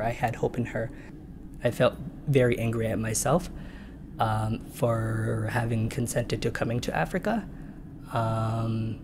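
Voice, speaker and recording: A young man, born in Kenya and raised in Minnesota, gives an earnest, measured documentary interview about his own life. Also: medium pitch, noisy background. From born in Kenya, raised in Minnesota, United States. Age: young adult. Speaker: interviewee telling his personal story. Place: indoor room with a lamp, seated. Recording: clear music bed underneath.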